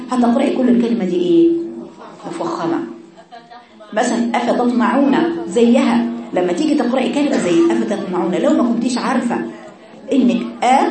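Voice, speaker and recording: A woman with an Egyptian Arabic accent teaches a class of girls Quran recitation, covering tajweed letter qualities. She asks questions and answers them herself, drawing out letter sounds to demonstrate, in a slightly high, dark voice. The mic is far off in an echoey classroom, with students' voices in the background.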